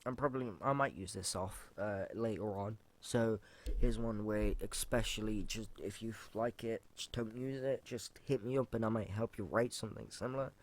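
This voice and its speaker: Man, fairly low voice, casual solo podcast, rambling, lots of fillers, swears, reads his own rap lyrics. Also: steady tone, moderate pace. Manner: rambling and informal, with frequent fillers and restarts. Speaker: podcast host.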